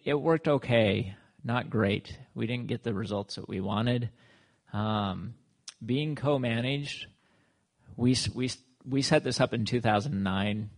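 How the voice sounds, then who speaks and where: A man presenting on his wildlife work to an audience, halting and full of fillers and restarts as he tells stories from the field. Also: mid-range voice. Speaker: wildlife manager giving a presentation.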